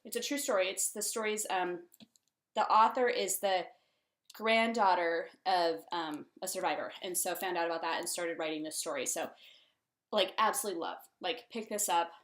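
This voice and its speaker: A woman's voice: lowish voice, moderate pace, a bit bright. Chatty young woman hosting a casual book vlog, lots of ums and likes. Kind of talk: casual book-review chat.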